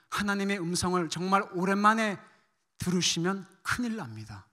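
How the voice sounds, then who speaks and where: Bright high-voiced male preacher. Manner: animated storytelling, quizzing the congregation. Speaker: missionary guest preacher. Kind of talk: sermon. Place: church service.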